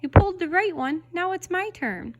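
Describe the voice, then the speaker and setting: A woman's voice: extremely high pitch, animated, normal speed, pitched above the performer's own voice. A woman voicing a mischievous talking pigtail that coaxes and whines in a storybook reading. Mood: coaxing. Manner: wheedling, pleading, whiny.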